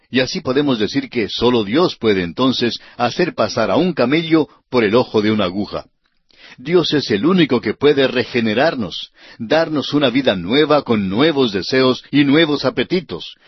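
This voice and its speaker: Husky-voiced man teaching a radio Bible study. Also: mid-range voice, dry recording, muffled recording. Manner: earnest, addresses the listener directly.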